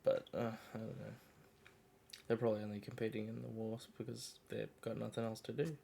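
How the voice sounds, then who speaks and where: A man's voice: lowish voice, little pitch movement, fairly quick, creaky, warm tone, a little hiss or hum. A man reading a novel aloud on a live stream, now and then stumbling over words and stopping to joke about the story. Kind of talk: live read-along with casual chat.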